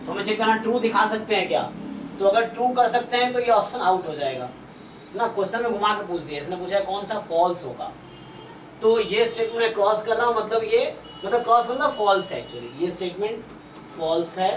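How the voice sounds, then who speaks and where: A man's voice: sits high, expressive, a little fast. A man teaching a math exam-prep class, thinking aloud and repeating himself as he works through problems. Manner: explains in mixed Hindi and English, thinks aloud, repeats himself. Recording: roomy, distant mic with faint noise.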